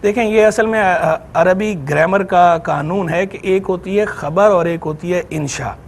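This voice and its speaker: Brief: Pakistani male scholar, high-pitched, methodical TV explainer, faint studio hum. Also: measured pace. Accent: Pakistani Urdu. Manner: patient, methodical explaining of grammar terms. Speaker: Islamic scholar answering questions. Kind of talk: explanatory religious Q&A on TV.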